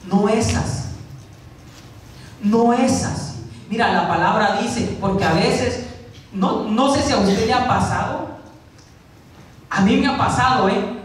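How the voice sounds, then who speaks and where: A man's voice: high voice, unhurried, pauses often. Pastor guy preaching, lots of echo, sounds a bit far from the mic. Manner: preaching with repetition and acted-out quotes. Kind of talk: sermon. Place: church.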